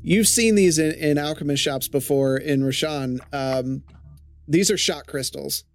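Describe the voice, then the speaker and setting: A man narrating as game master of a tabletop game, relaxed and often chuckling. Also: on the high side, measured pace.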